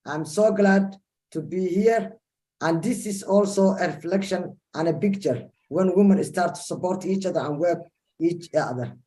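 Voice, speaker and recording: A woman from Somalia introducing herself haltingly on a video call as a guest speaker. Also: on the low side, mellow. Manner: halting, with restarts. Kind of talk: self-introduction.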